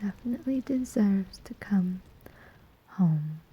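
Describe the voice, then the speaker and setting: In a whispered ASMR roleplay, a woman plays a sly, disdainful female demon who taunts with quiet menace and deliberate, teasing phrasing. Her mid-range voice is very soft, dark, heavily breathy and exaggerated yet expressive, and she takes her time.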